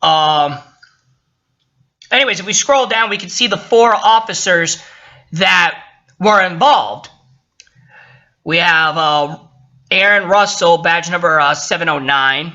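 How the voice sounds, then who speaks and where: Reading through a report, a male vlogger offers rant-like, casual commentary, cursing frequently in an indignant, sarcastic way. He speaks slowly with long pauses in a fairly high, sharp-toned voice, captured with dull lo-fi sound.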